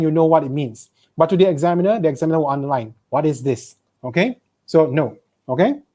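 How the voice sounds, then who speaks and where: A man's voice: on the high side, a little mellow. A man with a Malaysian accent teaching an online exam-prep English lesson, reading students' questions aloud and checking in with frequent "okay?".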